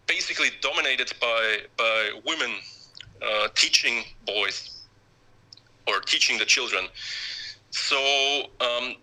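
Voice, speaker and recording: A man speaking as a radio show caller in a discussion, with hesitant, halting phrasing and repeated words. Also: mid-range voice, bright, forceful tone, poor audio.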